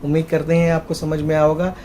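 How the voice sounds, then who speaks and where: A man's voice: a little high, completely flat delivery, fast talker, dark tone, slight background noise. Hesitant man demonstrating a gadget. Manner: hesitant, with frequent "uh" fillers, addresses viewers as friends. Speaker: tech tutorial host. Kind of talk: casual how-to demonstration.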